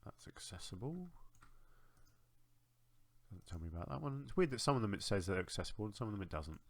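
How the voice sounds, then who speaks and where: A man's voice: lowish voice, sing-song, fairly quick, gravelly, no echo. A man with a blocked, congested nose, chatting casually to himself as he builds in a game. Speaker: gaming video host. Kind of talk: casual gameplay commentary.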